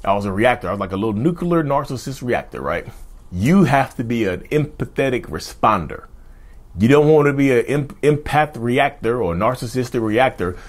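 He's in his thirties, hosting a mental health channel from an indoor studio with a backdrop, and his mid-range voice has lively intonation at a moderate pace. His direct-to-camera advice is emphatic and repetitive, and he refers to viewers as "y'all."

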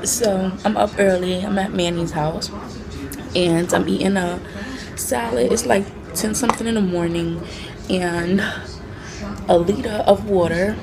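Slow, easygoing young woman indoors. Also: medium pitch, creaky, a crowd in the background. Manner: relaxed, unhurried, with fillers. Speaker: vlogger. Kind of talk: casual chat. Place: indoors at a friend's house.

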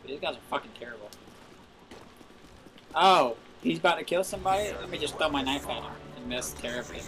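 Young man, gameplay commentary, frustrated, swearing, slightly high voice, lively pitch. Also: a little fast, music in the background. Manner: frustrated, swearing and yelling at other players. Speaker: gaming video host.

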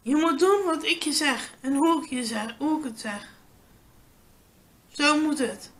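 A woman's voice: high voice, a little slow, fairly bright tone. A woman voicing God in a children's Bible story, speaking in firm, instructing lines. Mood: stern. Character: stern commanding God, male.

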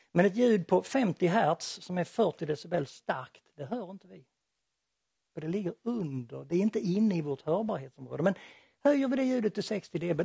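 A man's voice: high-pitched, vocal fry, darkish tone, breathy edge, no room sound, studio quality. A man giving an explanatory lecture presentation on acoustics, with a light touch of humor.

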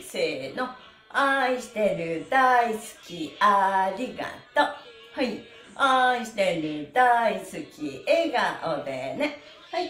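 A middle-aged woman with a slightly high voice, a stretching instructor and pantomime teacher, cheerfully calls out instructions and rhythmic chanted counts in a livestreamed class. She's in a small indoor studio with a bare wall, caught by a camera a few metres off. The sound is roomy and distant, with faint music.

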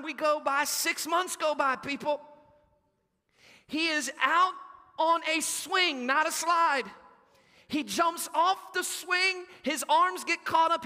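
A man preaches in a church, his voice unusually high and bright. He tells his story with animation, and long reverb from the sanctuary trails each phrase. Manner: animated storytelling, acting out quotes. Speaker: pastor. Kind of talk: sermon with personal story.

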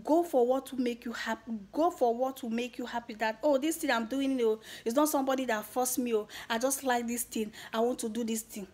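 A young woman with a Nigerian accent thanking her subscribers in a casual vlog, excited and emotional, slipping between Pidgin and English. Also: on the high side, brisk, few pauses. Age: young adult. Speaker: YouTuber.

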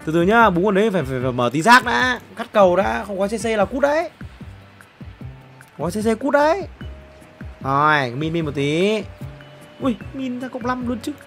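A young man, streaming himself opening player packs in a football game. He is excitable and swings from loud exclamations to low muttering. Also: moderate pace, long pauses, faint music behind. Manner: excitable, exclamatory, jumps between shouting and muttering.

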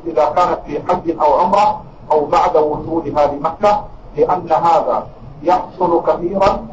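A man's voice: fairly high pitch, moderate pace, noisy background. A man reading written questions aloud to a scholar in a large mosque hall, on a distant, lo-fi recording. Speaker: question reader.

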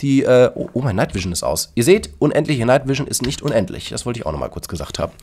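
A man's voice: mid-range voice, sing-song, fast, darkish tone, slight background noise. A man casually commenting on his Minecraft build and explaining it to his viewers. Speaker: YouTuber demonstrating a Minecraft build.

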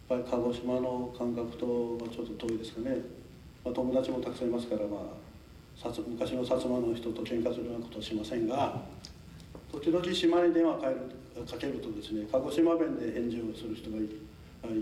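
A man's voice: mid-range voice, fairly even intonation, brisk, dark tone, slight background noise. An older man from a southern Japanese island giving a formal talk to a local audience, polite and chatty, with frequent chuckles and asides. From Tokunoshima, Amami Islands, Japan. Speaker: lecturer. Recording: echoey hall, mic at a distance.

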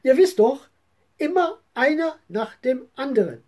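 A woman's voice: high-pitched, very animated, unhurried, darkish tone, pitched above the performer's own voice, heavily acted. A woman voicing a patient but firm mother keeping order at home.

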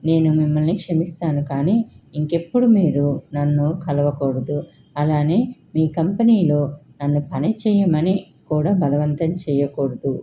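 A woman's voice: low-pitched, normal speed, close to an everyday voice. A woman voicing a hurt young middle-class woman who firmly refuses her boss, in a tearful, firm manner. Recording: dull, faintly hissy recording.

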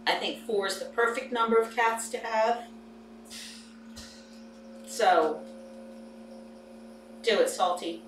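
A woman in her forties hosting a kitten livestream, chatting casually and cooing softly to the kittens. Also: on the high side, takes it slowly, long pauses. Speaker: host of a kitten rescue livestream. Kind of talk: casual chat and talking to kittens. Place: indoor cat playroom. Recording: roomy, distant mic, noisy background.

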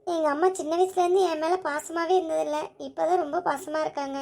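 A woman voicing a crying young village woman who speaks in a soft, wounded way to her lover in a family drama. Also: extremely high pitch, fairly even intonation, fast, creaky. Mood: tearful. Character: tearful young village woman torn in love.

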